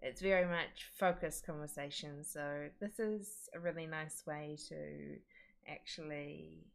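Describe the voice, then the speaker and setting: A woman's voice: sits low, fairly even intonation, unhurried, vocal fry. A woman co-hosting a livestream, talking casually in a friendly, chatty way. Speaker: livestream co-host.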